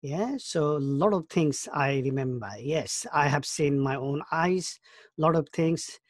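A man in his fifties from Bangladesh, recalling his life in an interview, talking thoughtfully with halting restarts. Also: on the high side, no room sound, clean studio sound. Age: 50s. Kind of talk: oral history interview.

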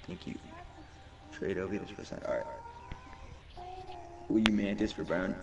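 A man's voice: low voice, moderate pace, gravelly, muffled recording. A young man streaming a game, reading viewers' chat aloud in hyped, slangy casual talk. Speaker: gaming streamer. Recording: distant mic under loud game music. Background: loud game music.

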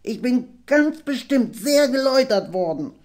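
A man voicing a small, frightened male half-dragon, squeaky and pleading, in an audiobook reading. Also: big pitch swings, normal speed, darkish tone. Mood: squeaky eager. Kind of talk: audiobook character voice.

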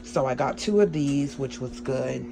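A woman chatting excitedly in a casual grocery haul vlog from a small home kitchen, with many ums along the way. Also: very deep voice, measured pace, creaky, music in the background. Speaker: vlogger.

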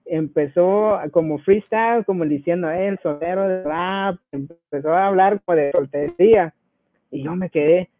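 High-voiced man on a tinny line. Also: normal speed, faint music behind. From Guatemala. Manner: easygoing, chuckles between anecdotes. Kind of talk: casual interview storytelling. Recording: tinny phone-like dry sound.

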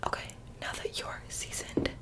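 A woman performs a whispered role-play for ASMR, barely voicing her words. Her delivery is soft and breathy, playful and doting, as if tending closely to the listener. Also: moderate pace. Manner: playful, doting personal attention.

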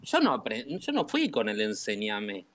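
A man's voice: mid-range voice, huge pitch swings, moderate pace, fairly bright tone. A man with a Rioplatense Spanish accent, chatting casually and rambling about a game over voice chat. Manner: rambling, repeats "¿me entendés?". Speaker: gamer chatting with a streamer.

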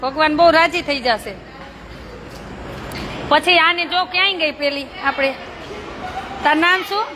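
High-voiced woman bossing children around. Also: measured pace, long pauses, crowd noise. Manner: bossy and playful, coaxing and scolding kids. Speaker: charity worker with slum children. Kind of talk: casual talk with children. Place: among a group of children. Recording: noisy crowded outdoor ambience.

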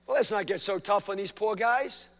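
Male pastor, high-pitched, dynamic preaching delivery, church reverb. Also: moderate pace, vocal fry. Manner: preaching with big swings from hushed to loud. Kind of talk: sermon. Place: church sanctuary.

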